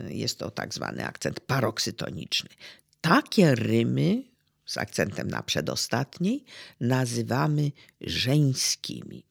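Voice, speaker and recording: A teacher lectures on poetry slowly and deliberately, pausing with fillers and letting phrase endings fade into a whisper. The voice sits at medium pitch, with vocal fry and a slightly rough edge.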